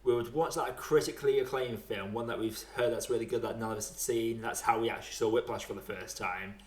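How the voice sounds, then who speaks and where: This film reviewer and podcast host, a young man, keeps things casual and chatty, laughing frequently and dropping the odd swear word. His voice holds a typical male pitch with a steady tone, and the room echoes noticeably, clearly untreated.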